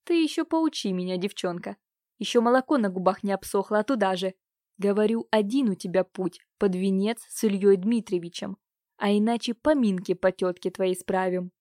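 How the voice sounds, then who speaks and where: A woman's voice: medium pitch, moderate pace, darkish tone, dry recording, studio quality, natural voice. A woman reading a harsh, threatening uncle. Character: cruel domineering middle-aged uncle, man.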